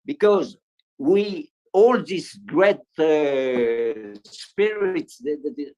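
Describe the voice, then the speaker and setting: A man speaking English with a heavy French accent, slow and halting, with constant fillers and restarts. His voice sits a little high for a man. He talks over a video link at a conference. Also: rough recording. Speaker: panel speaker.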